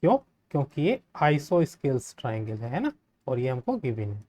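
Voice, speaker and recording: A man teaching a geometry proof step by step, friendly, often asking the class quick checking questions. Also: mid-range voice, big pitch swings, mellow. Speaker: maths teacher.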